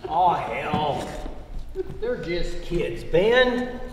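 A man's voice: on the high side, drawn-out words, noisy background, full character voice. A man playing a folksy, easygoing cowboy soldier in a live stage play. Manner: relaxed, folksy drawl. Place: theater stage. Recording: echoey theater hall from far off.

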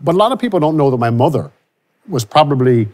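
His voice leans high, a touch mellow, and he talks fast and animatedly. This man, a Louisiana country singer in his forties, is interviewed in a studio with a starry backdrop using a lapel mic, speaking reflectively with many restarts.

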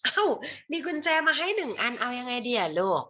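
A woman with a Thai accent teaching English to children in an online lesson, moving between Thai and slow, carefully spelled English and calling the viewers "child". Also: sits high, very animated, bright, forceful tone, dull audio.

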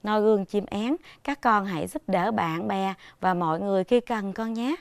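A woman primary school teacher giving a televised reading lesson to young children, speaking patiently and enunciating clearly. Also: medium pitch, moderate pace, dry recording.

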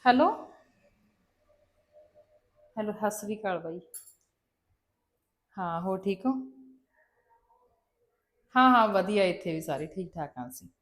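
A woman's voice: mid-range voice, animated, measured pace, pauses often, fairly bright tone. A woman acting in a family drama, chatting politely on the phone. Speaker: actor in a family web drama. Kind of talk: scripted phone call scene.

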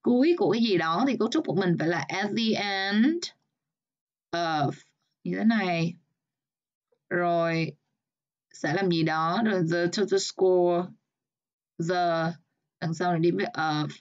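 A woman with a Vietnamese accent, teaching an English exam review lesson, explaining step by step and reading English examples slowly. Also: lowish voice, highs cut off.

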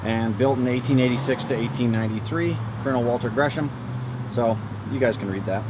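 A man's voice: medium pitch, a little fast. A middle-aged man chatting upbeat to a handheld camera, touring a town on foot and by car as an RV travel vlogger. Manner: upbeat, chatty, talks straight to the camera while walking and driving. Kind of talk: casual travel vlog narration. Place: outdoors in a town and inside a car. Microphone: handheld camera, arm's length. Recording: noisy outdoor and car ambience.

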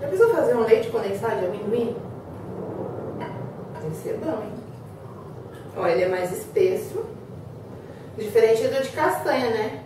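A woman hosting a cooking demonstration, chatting with viewers and giving her helper quick asides. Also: on the high side, animated, background noise. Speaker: cooking show host. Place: kitchen. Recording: echoey room, mic far off.

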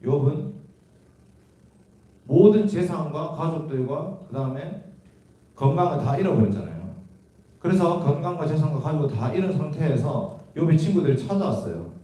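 Dark-voiced man teaching a Bible class. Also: a little high, expressive, normal speed. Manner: asks students questions, reads and explains verses. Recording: echoey room from far off.

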